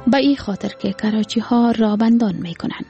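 A woman's voice: on the high side, warm tone, breathy edge, soft background music. A woman voicing a poor, proud old man who sells bananas from a cart, speaking plain street talk with an Afghan Dari accent. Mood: gentle. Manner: calls out wares and bargains in plain street talk.

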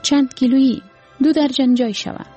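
A woman's voice: high-pitched, fairly even intonation, mellow, faint music behind, pitched above the performer's own voice. A woman voicing a poor, proud old man who sells bananas from a cart, speaking plain street talk with an Afghan Dari accent. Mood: gentle. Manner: calls out wares and bargains in plain street talk.

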